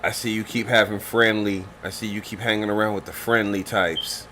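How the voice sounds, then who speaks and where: Laid-back low-voiced man running a game. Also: little pitch movement, moderate pace, pushed and bright, slight background noise. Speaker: game master.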